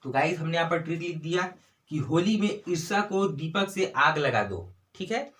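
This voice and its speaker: Chhattisgarhi hindi guy teaching exam tricks, kinda high voice, keeps going "theek hai, hai na". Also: expressive, normal speed, fairly bright tone. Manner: repeats "ठीक है" and "है ना", asks and answers own questions. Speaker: exam tutor. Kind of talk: exam-prep lesson.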